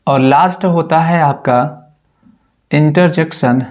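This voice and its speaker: A man's voice: on the high side, darkish tone. Man teaching, asking and answering himself. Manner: asks rhetorical questions and answers them himself; repeats each word slowly and deliberately. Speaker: English teacher. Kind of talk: grammar lesson.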